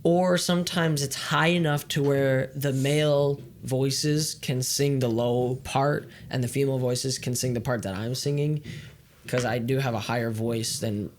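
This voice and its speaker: A male worship leader who co-hosts a podcast speaks in a mid-range, fairly even, unhurried voice over slight background noise. His casual chat rambles, with loose explanations and restarts mid-thought.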